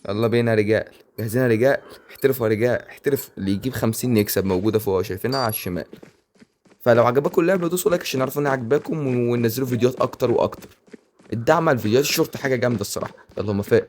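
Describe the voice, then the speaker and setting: A young man with an Egyptian Arabic accent giving casual, excitable commentary over a video game he is playing. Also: medium pitch, slight background noise. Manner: excitable, rapid banter and repeated exclamations. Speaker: gaming YouTuber.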